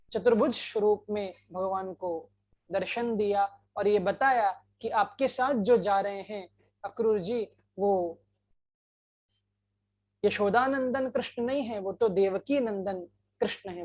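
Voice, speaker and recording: A woman narrating a devotional scripture story in an unhurried way, breaking into sung verses. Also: medium pitch, a little mellow, dull audio. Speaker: katha storyteller.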